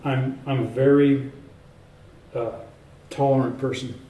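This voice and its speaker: A man's voice: mid-range voice, little pitch movement, measured pace, dark tone. A man speaking as an author and guest in a casual in-person interview, rambling through many fillers and restarts in an emphatic, self-assured way. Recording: echoey room, speaker far from mic, faint ambience.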